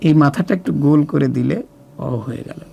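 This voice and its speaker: A man's voice: a little high, gravelly, mellow, highs cut off, slight background noise. A man with a Bangladeshi Bengali accent teaching a children's Arabic lesson, patiently drawing out each word. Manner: patient, drawn-out word-by-word pronunciation. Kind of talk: slow recorded lesson walkthrough.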